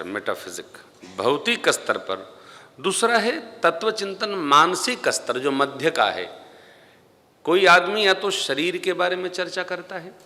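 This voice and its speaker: A man giving a devotional sermon in a large temple hall, speaking slowly and emphatically into a stage microphone and singing scripture verses. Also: a little high. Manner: slow, emphatic, rising to loud stressed phrases. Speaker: Ram Katha preacher. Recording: long hall reverb.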